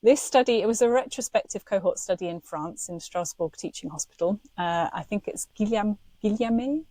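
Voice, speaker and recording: Fairly quick and dark-toned, this woman's medium-pitched voice has no room sound. She co-hosts a podcast in an impassioned, indignant manner, punctuated by frequent laughs.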